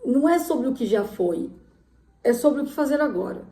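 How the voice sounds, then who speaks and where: A woman's voice: sits high, animated, moderate pace, roomy sound. Chatty woman giving love advice. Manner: chatty, many fillers, warm advice tone. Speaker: relationship advice vlogger. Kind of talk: casual advice talk.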